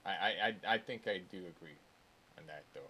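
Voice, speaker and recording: A man's voice: sits low, a little fast, bright, forceful tone, husky. A man speaking in a roleplay meeting, hesitant and full of ums. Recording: faint hiss.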